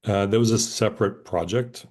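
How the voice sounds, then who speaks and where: Committee lead: low, very deep-voiced man, orderly, explains step by step in a meeting room. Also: normal speed, a little mellow. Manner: orderly, walks through schedules and bids step by step.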